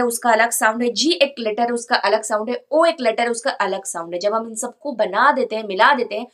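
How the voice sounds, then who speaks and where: A woman's voice: on the high side, a bit bright. A young woman teacher explaining a lesson step by step and often checking that her students follow.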